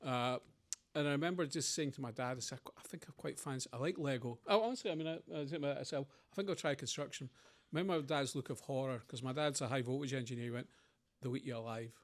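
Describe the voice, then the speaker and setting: Scottish man, middle-aged, brisk rambling anecdotes for a panel Q&A. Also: mid-range voice. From Scotland. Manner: rambling anecdotes with quoted voices. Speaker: panel speaker. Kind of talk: conversational Q&A storytelling.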